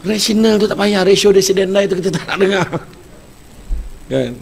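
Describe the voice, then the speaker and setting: Male Malaysian preacher, comic sermon, rough gravelly voice. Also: sits high, normal speed, slight background noise. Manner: joking, animated storytelling. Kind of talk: humorous sermon.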